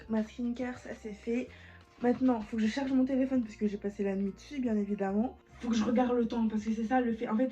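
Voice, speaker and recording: A woman's voice: medium pitch, dark tone. A woman, chatting casually as she vlogs. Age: late teens. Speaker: vlogger. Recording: muffled lo-fi sound, music behind.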